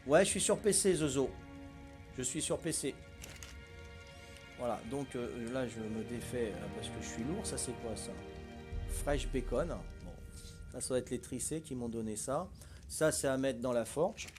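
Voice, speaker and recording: A man's voice: mid-range voice, unhurried, pauses often, music in the background. An older man from Corsica, casually talking viewers through a survival game as he plays, chatty and folksy, with lots of hesitations and tag words. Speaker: gaming streamer. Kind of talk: casual live gameplay commentary.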